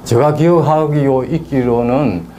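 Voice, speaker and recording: A man's voice: medium pitch, a little slow, dark tone, a little hiss or hum. A middle-aged man with a Gyeongsang Korean accent, telling stories from his work as a naming consultant in casual talk. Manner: storytelling with rambling asides.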